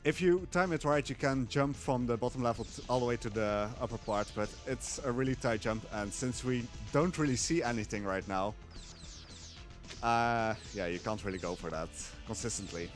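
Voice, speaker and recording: Over faint background music, a man narrates his own speedrun as he plays it. His mid-range voice moves at a moderate pace, and he sounds relaxed but hesitant, leaning on many fillers while he explains.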